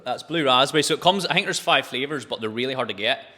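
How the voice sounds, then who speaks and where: A man's voice: mid-range voice, lively intonation, fast, pushed and bright. A man, co-hosting a podcast with casual banter and product chat. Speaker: podcast co-host. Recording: reverberant, hall-like room echo.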